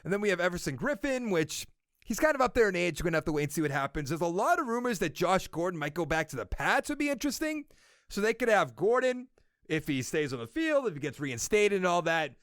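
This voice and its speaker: A young Boston-accented man hosts a casual sports podcast, rambling and thinking aloud while correcting himself. His high voice swings widely in pitch at a quick pace, with a fairly bright tone and clean, echo-free studio sound.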